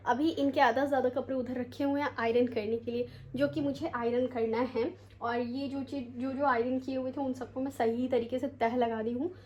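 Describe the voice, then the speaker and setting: A young woman from India vlogs at home into a handheld phone camera. Her voice sits high and light, and she rambles in a casual, chatty way, tossing English words in as she goes. She sounds worn out after standing all day. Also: flat delivery, normal speed, few pauses, darkish tone, a little hiss or hum. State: tired, sore feet. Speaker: vlogger. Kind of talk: casual vlog chat to camera. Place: home, bedroom.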